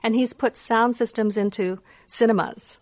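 Her voice is on the high side, at a normal speed with fairly even intonation, recorded dry over a video call from her home. She is a middle-aged music psychology researcher from Indonesia and Hong Kong, native in Indonesian and Dutch, appearing in English as a gracious, thoughtful podcast interviewee.

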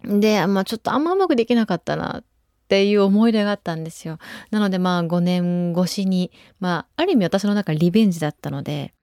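A woman in her twenties hosting a radio show, chatting casually and relaxed, with frequent soft asides. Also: mid-range voice, fast, clear, resonant tone, dry recording, clean studio sound. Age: 20s. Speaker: radio host. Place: radio studio. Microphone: studio microphone.

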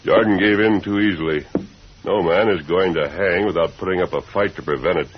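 A man's voice: deep voice, natural voice. An American man acting a masked western hero, stern, formal and commanding, in an old radio drama with a muffled, noisy recording. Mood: suspicious. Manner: deliberate, formal, authoritative.

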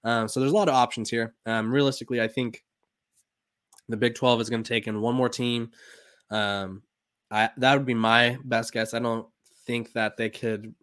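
A man's voice: medium pitch, level tone, moderate pace, fairly bright tone, clear, resonant tone, no echo, clean studio sound. Rambling young man hosting a sports podcast. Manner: rambling, filler-heavy, many "um"s and restarts. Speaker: podcast host. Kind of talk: casual sports podcast commentary.

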